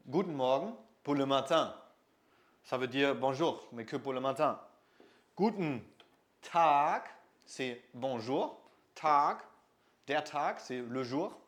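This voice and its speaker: A young man from northern Germany teaching German in a casual lesson, slowly repeating words so they stick. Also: a little high, animated. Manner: slow and patient, repeats words to drill them.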